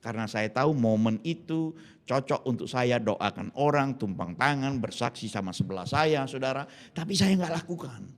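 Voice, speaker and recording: A man in his fifties from Indonesia, a pastor preaching a sermon as a lively story, acting out the voices of the people in it and slipping English phrases into his talk. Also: mid-range voice, moderate pace. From Indonesia (Jambi, Sumatra).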